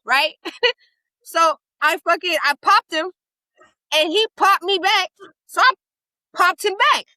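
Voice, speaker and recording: Bright high-voiced woman telling a story. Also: dry recording, low-quality recording. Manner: animated storytelling, profane, acts out quotes. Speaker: podcast co-host. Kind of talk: casual chat.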